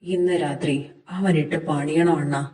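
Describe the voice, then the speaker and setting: A woman's voice: low voice, steady tone, moderate pace, warm tone, close to an everyday voice. A woman playing a sly scheming young man. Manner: sly, conspiratorial. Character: scheming young man plotting a cruel prank. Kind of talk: fan audio drama acting. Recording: roomy, distant amateur recording.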